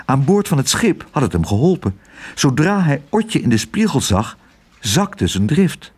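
Expressive male storybook narrator. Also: mid-range voice, measured pace, slightly rough. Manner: expressive, varied intonation. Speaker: audiobook reader.

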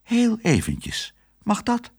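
A man voicing a brave little girl who pleads in a high, urgent voice. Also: huge pitch swings, slow pace, darkish tone, breathy edge, exaggerated voice. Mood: coaxing. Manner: high, pleading, stammers when scared.

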